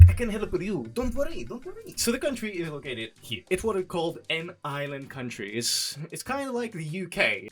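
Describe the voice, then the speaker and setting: A man's voice: a little high, a bit bright. A man from France with a French accent, talking English in a casual, rambling, sarcastic vlog style full of "like" fillers. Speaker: vlogger. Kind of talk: casual chatty explainer.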